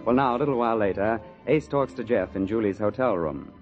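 A man's voice: lowish voice, a little fast. Male old-time radio announcer over music. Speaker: announcer and narrator. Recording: dull, lo-fi old radio recording.

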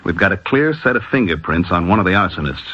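An actor playing an eager, wisecracking counterspy deputy, brisk and clipped, in 1940s radio drama style. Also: male voice, sits low, expressive. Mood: businesslike reporting. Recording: noisy, muffled old radio broadcast.

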